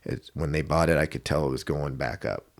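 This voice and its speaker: A middle-aged man from Washington state, an MMA coach, telling a story in a casual podcast interview and acting out what people said. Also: fairly quick. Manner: animated storyteller, acts out quotes with big pitch jumps.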